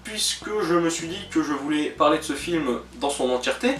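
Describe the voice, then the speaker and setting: A man's voice: a little high, expressive, a little fast, a bit bright, recorded from a distance. A man giving a casual spoken film review as a channel host, full of "euh" fillers, restarts and joking asides. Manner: hesitant, many "euh" fillers and self-corrections. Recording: roomy echo, voice a bit off-mic, faint music behind.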